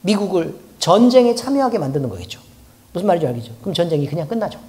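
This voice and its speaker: Woman pastor, conversational sermon, expressive rising and falling pitch, prods the congregation with rhetorical questions. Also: very fast. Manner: colloquial, keeps asking the congregation rhetorical questions. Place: church.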